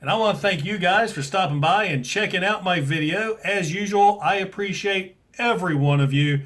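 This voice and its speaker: American guy doing a casual toy review, slightly high voice, enthusiastic and informal fan talk. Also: normal speed, a bit bright. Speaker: toy review video host. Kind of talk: casual product review to camera.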